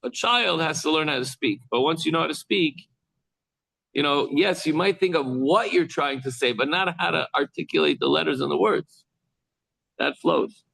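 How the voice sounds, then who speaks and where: A man teaching a text class as a rabbi, reading lines and explaining them slowly, pausing to demonstrate sounds and speak to students in the room. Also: a little high, creaky, sharp tone, dry recording, rough recording.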